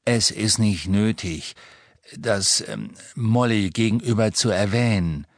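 A man's voice: lowish voice, dry recording, clean studio sound. A man voicing a fretful middle-aged wizard father who talks hesitantly in an audiobook. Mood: sheepish. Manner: hesitant, sheepish, halting.

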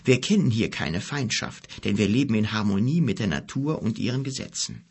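A grave, weary old wizard, as an audiobook narrator puts him on. His voice is deep, husky and gravelly, dropping to a slow near-whisper. The delivery rises and falls widely, like a tale of doom told by a fire. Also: lively intonation. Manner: slow, low and hushed, half-whispered at times. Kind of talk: audiobook character reading.

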